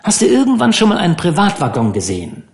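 A man's voice: high-pitched, huge pitch swings, fast, gravelly, reverberant, voice pushed up, heavily acted. A man voicing a spoiled, haughty rich teenage boy who sounds boastful and indignant in an audiobook.

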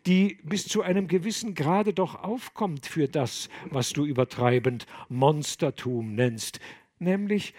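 A man voicing a gentle, kindly old abbot who speaks in a soft, low, soothing voice. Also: lively intonation, unhurried, no echo, clean studio sound. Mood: earnest.

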